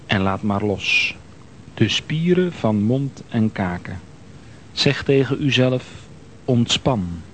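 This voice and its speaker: A man calmly leading a guided progressive muscle relaxation exercise, giving slow, soothing instructions. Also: mid-range voice, slight background noise.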